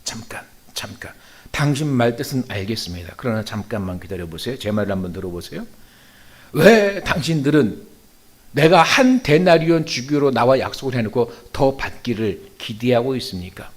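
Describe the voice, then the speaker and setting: A preacher playing a soft-spoken generous vineyard owner. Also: male voice, expressive. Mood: calmly reasoning. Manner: soft, low, measured and reasoning. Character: calm, generous male vineyard owner answering grumblers.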